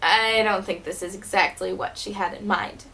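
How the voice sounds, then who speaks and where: A woman playing a wounded, wry teenage girl who was once a child stage performer, delivering a dramatic monologue in a bitter, halting way. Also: medium pitch, steady tone, vocal fry, bright, forceful tone, poor audio. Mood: hurt, bitter. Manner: bitter, hurt, halting with repeated words.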